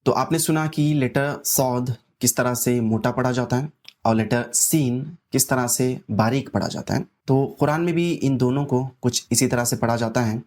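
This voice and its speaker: A man teaching a language lesson, explaining slowly and patiently and repeating his instructions. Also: medium pitch, darkish tone. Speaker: Arabic teacher.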